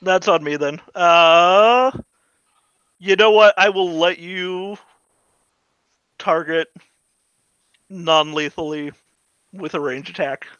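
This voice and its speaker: A man with a fairly high, bright voice runs a tabletop game, casually narrating and giving rulings. He sounds forceful, in a dry, slightly dull recording. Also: slow, long pauses, clean tone, no room sound. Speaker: game master.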